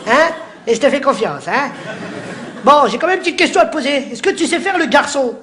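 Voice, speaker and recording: High-voiced man doing live stand-up. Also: animated. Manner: rapid teasing banter, shouted punchlines. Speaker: stand-up comedian. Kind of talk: live stand-up comedy with crowd work. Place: theatre stage before a live audience. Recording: live show with audience laughter and noise.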